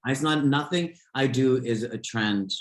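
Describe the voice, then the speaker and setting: A fitness instructor appears as a guest on an interview podcast, a man with a medium-pitched voice talking unhurriedly in a reverberant room. His casual talk rambles, full of fillers and restarts.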